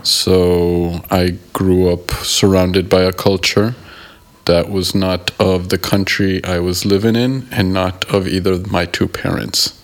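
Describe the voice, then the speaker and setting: A man from the United States, a guest in an interview, answering in a thoughtful, measured way and pausing to rephrase. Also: sits low, flat delivery. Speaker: guest, member of an art collective.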